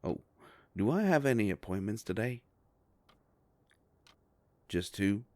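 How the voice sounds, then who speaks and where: Voicing a kindly werewolf private investigator with a protective streak, this man speaks in a lowish, gravelly, folksy voice for an intimate audio drama. He is very animated yet slow, with a darkish tone and no room sound, and comes across as reassuring and businesslike.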